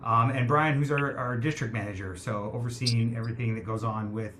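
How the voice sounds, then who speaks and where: Hosting a community town hall over video, this man greets attendees in a friendly, welcoming way, though his talk is crowded with ums and uhs. He speaks fairly quickly in a steady, mid-range voice that's a bit bright, with slight background noise.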